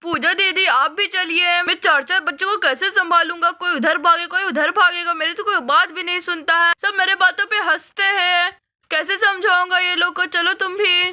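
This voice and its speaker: A woman's voice: very high-pitched, fairly even intonation, normal speed, pushed and bright, exaggerated voice. A woman voicing a young man, a harried uncle, who complains that no one listens to him. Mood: flustered. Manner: complaining, flustered. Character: young village uncle, harried and put-upon. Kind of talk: doll story voice acting.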